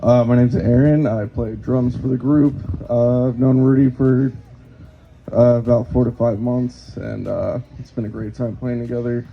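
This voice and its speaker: A man's voice: medium pitch, steady tone, moderate pace, vocal fry, lo-fi sound, soft background music. A man introducing himself casually in an interview as a band's drummer. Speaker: drummer in a band.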